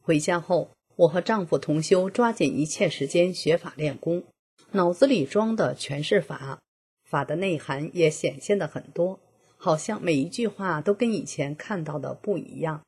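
A middle-aged woman narrating a personal account, reading in a steady, earnest way. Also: low voice, breathy edge. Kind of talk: scripted first-person reading.

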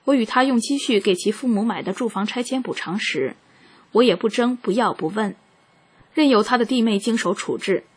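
A woman reading a first-person account aloud in a calm, measured narration. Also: a little high, slightly rough.

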